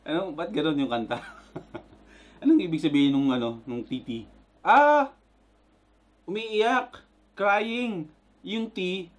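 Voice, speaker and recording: Excitable Filipino man reacting casually. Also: medium pitch. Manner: excitable, bursts into loud exclamations, mixes Tagalog and English. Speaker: reaction video host.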